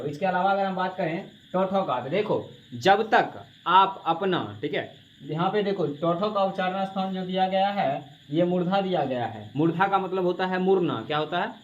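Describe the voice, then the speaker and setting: A male teacher giving a classroom grammar lesson, asking questions and answering them himself to drill the students, and addressing them as "babu". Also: high voice. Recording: dull lo-fi classroom recording with faint hiss.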